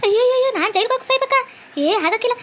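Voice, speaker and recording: A woman's voice: very high voice, very fast, a bit bright. A woman playing a frantic older village mother-in-law who wails and curses, with a North Karnataka Kannada accent. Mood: panicked. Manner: panicky wailing, cursing.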